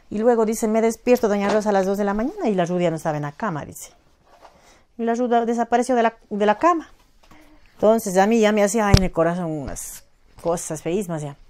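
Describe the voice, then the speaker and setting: Grieving Ecuadorian Andean mother, soft voice. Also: medium pitch, a little hiss or hum. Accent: southern Andean Ecuadorian Spanish, Azuay. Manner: halting, emotional retelling full of reported speech. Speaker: victim's mother giving testimony. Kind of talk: personal testimony interview.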